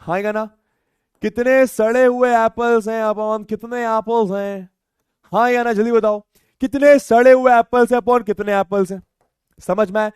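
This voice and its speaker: A man's voice: very high-pitched, steady tone, normal speed, smooth, no room sound, clean studio sound. A man teaching maths in a live online class, joking and teasing his students and mixing in English phrases.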